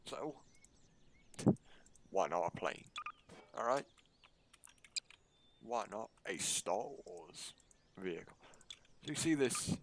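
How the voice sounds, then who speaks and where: A man's voice: on the low side, animated, slow pace, pauses often, background noise. A man giving casual, sarcastic, mock-boastful commentary over his own gameplay. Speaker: gaming YouTuber.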